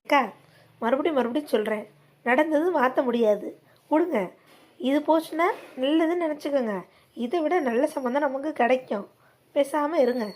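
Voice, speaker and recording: Woman, high voice, calm and soothing, comic family skit. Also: normal speed, long pauses.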